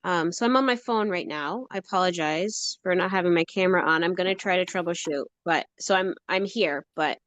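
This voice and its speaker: A woman's voice: lowish voice, fairly quick, few pauses, fairly bright tone, dry recording. Woman talking over the phone. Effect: heard over a phone in an online meeting. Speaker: committee member. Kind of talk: casual meeting chat.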